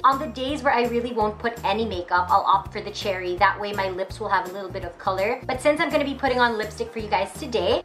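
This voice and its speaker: A woman's voice: medium pitch, fairly bright tone. A woman hosting a casual makeup tutorial, talking to viewers in a chatty, enthusiastic way and stressing what she loves. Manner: chatty, enthusiastic, emphatic about favourites. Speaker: beauty vlogger, channel host. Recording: background music under the voice.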